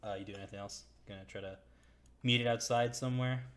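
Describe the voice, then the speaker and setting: A man narrating as dungeon master in a home tabletop session, relaxed and chatty, often restarting his sentences. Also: mid-range voice, fast. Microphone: home computer mic, voice chat.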